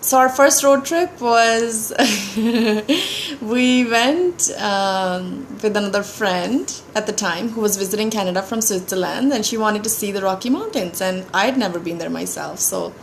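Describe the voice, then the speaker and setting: A young woman from India co-hosts a couple's livestream, chatting casually with her husband and teasing him. Her medium-pitched voice is a little slow, she's chatty and laughs often, and there's slight background noise.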